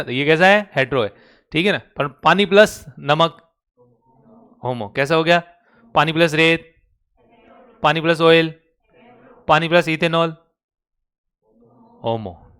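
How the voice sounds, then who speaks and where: A man's voice: fairly high pitch, fairly bright tone, clear, resonant tone. A man teaching chemistry in Hindi with a Rajasthani accent, constantly quizzing his students with call-and-response questions. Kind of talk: classroom lecture. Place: online class recording.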